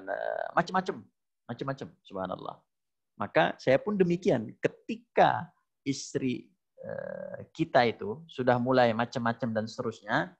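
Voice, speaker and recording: A man preaches a lively sermon with a gravelly, creaky voice at a middle pitch. He raises his voice to act out quoted husbands and wives. The recording is dull and lo-fi. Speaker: Islamic preacher.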